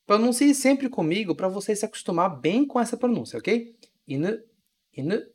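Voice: medium pitch, animated. Patient language teacher. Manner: patient, repeats words slowly, keeps checking understanding. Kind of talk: recorded video lesson.

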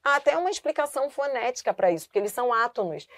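A woman's voice: a little high, expressive, racing, dry recording. A woman teaching a grammar lesson for exam preparation. She explains patiently, repeats points and stresses key syllables. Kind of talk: online exam-prep lesson.

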